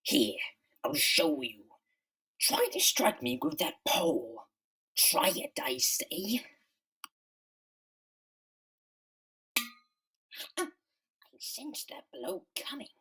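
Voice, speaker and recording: A man voicing a bitter, megalomaniac underground comic-book villain in a slow, theatrical, menacing monologue with a whispery rasp. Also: very high voice, bright, forceful tone, recorded from a distance, voice pushed up, full character voice, low-quality recording. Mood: gloating. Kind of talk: dramatic comic-book reading.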